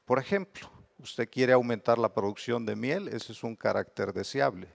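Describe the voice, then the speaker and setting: Middle-aged mexican guy giving a talk, gravelly voice, explains things step by step. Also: mid-range voice, moderate pace. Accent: Mexican Spanish. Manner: explanatory, defines terms with examples. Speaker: bee researcher giving a lecture. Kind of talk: conference lecture.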